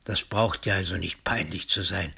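A man's voice: low voice, normal speed, creaky, pushed and bright, husky, exaggerated voice. A man voicing a kind, joking father in a storybook reading, with a playful, teasing manner.

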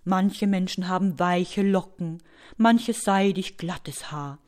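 A woman's voice: fairly low pitch, takes it slowly, darkish tone. A woman voicing a lazy, self-pitying female head louse in a storybook reading, sighing and whiny. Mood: plain.

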